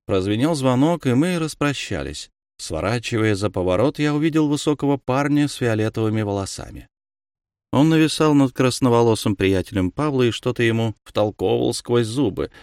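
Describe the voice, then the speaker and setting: A man narrating an audiobook in the first person, calm and measured. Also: medium pitch, no room sound, clean studio sound.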